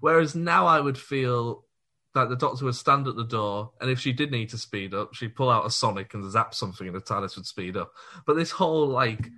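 A man's voice: medium pitch, fairly quick, sharp tone. A man co-hosting a podcast, chatting casually and enthusiastically, laughing easily. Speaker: podcast co-host. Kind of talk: casual chat.

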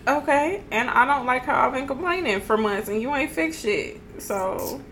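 A woman's voice: sits high, normal speed, fairly bright tone, slight background noise. A woman co-hosting a casual podcast chat, talking bluntly and ranting with laughter. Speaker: podcast co-host.

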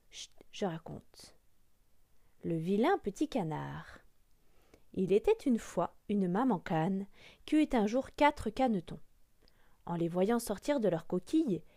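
Woman storyteller, lively swinging pitch, dry close sound. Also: no room sound. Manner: lively, expressive, soft hushes. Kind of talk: children's story reading.

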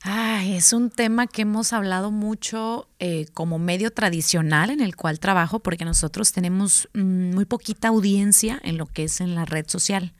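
A woman, a TV news anchor, talking as a guest in a casual interview, lively and quick to laugh. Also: mid-range voice, no echo, clean studio sound. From Mexico. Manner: lively, laughs often, animated asides.

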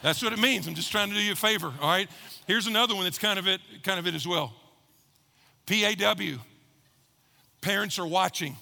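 A middle-aged man delivers a sermon as pastor, joking easily with his congregation. His voice sits high and bright with a gravelly edge. It rings out with the long reverb of a church sanctuary. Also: quick pace.

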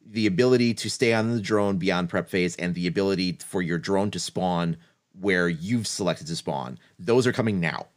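Guy with a really low voice musing about game changes, laughs a lot, hedges everything. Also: normal speed. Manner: thoughtful, hedging, laughs often. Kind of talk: casual gaming discussion.

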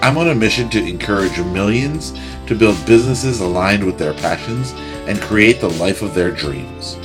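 Host: man, lowish voice, friendly and upbeat, soft music bed in places. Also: animated, moderate pace. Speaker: podcast host. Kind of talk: scripted intro then casual interview. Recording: intro with faint music behind.

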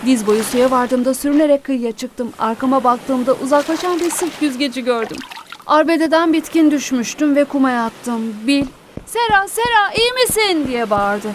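A woman's voice: sits high, normal speed, background noise. A woman narrating a first-person true story in an earnest, dramatic reading voice.

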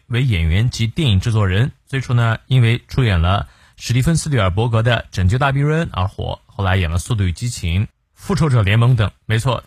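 Lively husky male English teacher. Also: mid-range voice, no echo, clean studio sound. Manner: lively, explains word by word. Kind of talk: morning English lesson.

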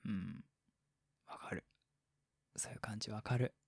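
Male, Kansai accent, husky mid-pitched voice, whispered role-play chat as a boyfriend, rambling and self-amused, dry close mic. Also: measured pace, no echo. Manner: rambling, laughs often, half-whispered asides. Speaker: boyfriend in a situation voice.

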